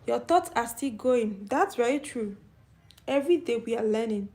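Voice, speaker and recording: Hosting a relaxed live stream for her channel, a middle-aged woman with a youthful-sounding voice chats and responds to viewer comments. Her voice is a little high and mellow, animated, at a moderate pace.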